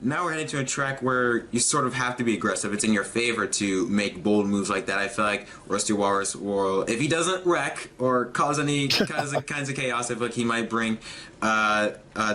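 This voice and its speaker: This sim racing league host has a fairly low, pushed and bright voice with fairly even intonation and a moderate pace, and sounds a bit congested from allergies. In his casual pre-show livestream chat, he lifts his voice like an upbeat announcer for intros.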